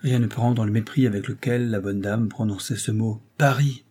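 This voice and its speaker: A man reading a novel aloud as an audiobook narrator, in a measured, even storytelling manner. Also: lowish voice, slightly rough.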